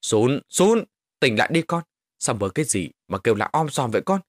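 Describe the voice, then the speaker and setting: A man voicing a worried father who gently scolds and coaxes his son awake in a spoken story. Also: mid-range voice, animated, fast, no room sound, clean studio sound, natural voice. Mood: urgent.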